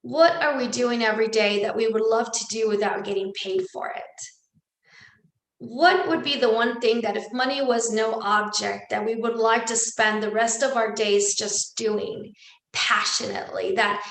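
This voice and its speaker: A woman from El Salvador, Spanish being her first language, delivers a heartfelt motivational speech and repeats words to drive points home. She speaks on the high side with vocal fry and a fairly bright tone, and the room echoes.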